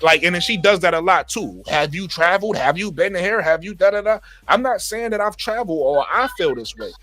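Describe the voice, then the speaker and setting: A man's voice: high-pitched, expressive, fairly quick, fairly bright tone, no echo. A man from Brooklyn with a New York accent, talking emphatically in a casual group discussion, repeating phrases and calling people bro.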